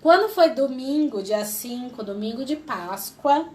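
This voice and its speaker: A Brazilian woman in her thirties telling an emotional personal testimony as an interview guest, lively and acting out what people said. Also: on the high side, measured pace, a little hiss or hum. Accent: Brazilian Portuguese. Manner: lively, acts out quoted voices, laughs often.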